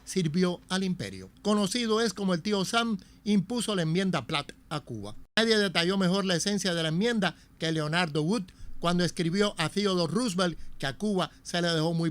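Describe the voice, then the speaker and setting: A man's voice: high-pitched, expressive, brisk, few pauses, a bit bright. A man with a Cuban Spanish accent reading documentary narration in a solemn, emphatic way.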